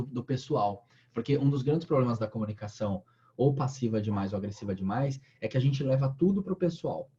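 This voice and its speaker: Trainer, male, relaxed, halting delivery with many restarts, lo-fi call audio. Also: medium pitch, slightly rough. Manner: hesitant, many restarts and fillers. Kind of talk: casual online training talk.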